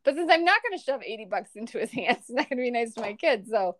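A woman's voice: fairly high pitch, expressive, fast, fairly bright tone. A woman with a Minnesota accent chatting casually and emphatically as a podcast co-host, in a gushing fangirl manner. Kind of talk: casual chat.

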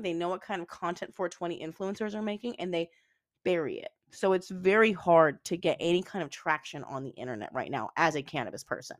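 A woman's voice: lowish voice, dry recording, clean studio sound. A young woman co-hosting a podcast in casual chat, rambling with lots of fillers. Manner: chatty, rambling with many fillers. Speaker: podcast co-host.

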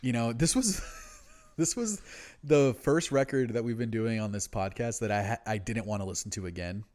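A man co-hosting a podcast, casually discussing music in a laid-back, slangy, sweary stoner manner, as someone who is habitually high. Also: normal speed, a little mellow. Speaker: podcast co-host.

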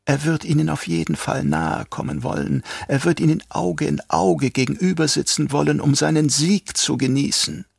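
A man voicing a sly, half-mad old doctor who turns traitor, speaking in a hushed, whispery, drawn-out voice. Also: fairly high pitch, animated, gravelly, slightly rough, no echo, clean studio sound, voice pushed up, full character voice. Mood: sly menace.

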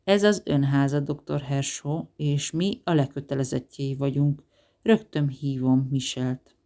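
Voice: medium pitch, fairly even intonation, a little mellow, natural voice. A reader voicing a timid, worried young woman who asks hesitant, anxious questions in an audiobook. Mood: stiffly polite.

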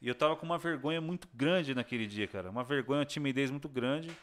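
Homem falante, contando história em ritmo rápido. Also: male voice, mid-range voice, fast talker. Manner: animated, acts out voices of people in his story, slangy. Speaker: guest telling his conversion story. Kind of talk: casual storytelling chat.

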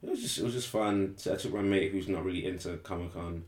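Deep-voiced young man, rambling chat. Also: quick pace, a little mellow, roomy sound. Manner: rambling, self-correcting, laughs easily. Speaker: podcast co-host. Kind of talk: casual chat.

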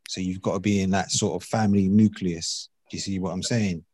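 A man's voice: deep voice, fairly even intonation, brisk, darkish tone, breathy edge, no room sound. A man with an urban London accent, talking casually in slang-heavy roadman style as a discussion host. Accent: London, urban street. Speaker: podcast host.

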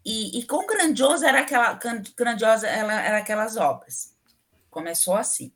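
This southern Brazilian civil engineering professor, a middle-aged woman, chats as a guest in a casual interview in a southern Brazilian Portuguese accent. Her voice is a little high and fairly bright, animated at a moderate pace, and her opinionated, talkative speech is packed with fillers.

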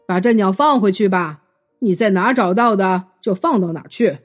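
A woman's voice: medium pitch, moderate pace, soft background music, pitched below the performer's own voice, lightly acted. A woman voicing a stern father who speaks in a scolding tone.

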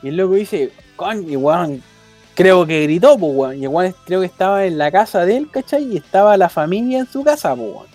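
A man's voice: high voice, expressive, moderate pace, a little mellow, faint music behind. A young man with a Chilean accent telling a rambling, slang-filled anecdote in casual chat. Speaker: storyteller.

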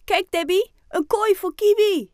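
A woman voicing an excited small boy with glasses in a children's audiobook, calling out eagerly. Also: very high voice, a little slow, dry recording, studio quality, pitched above the performer's own voice. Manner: calls out eagerly.

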